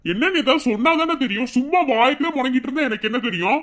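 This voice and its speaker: A woman's voice: high voice, lively intonation, rapid-fire, fairly bright tone. A woman voicing an awkward, well-meaning young village man in a cartoon, asking fumbling, hesitant questions. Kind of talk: cartoon voice acting.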